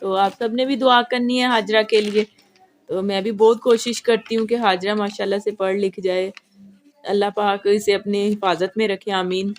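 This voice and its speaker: A woman's voice: medium pitch, fairly even intonation, moderate pace, a little hiss or hum. A woman vlogging at home as a mother, chatting casually and speaking straight to her viewers.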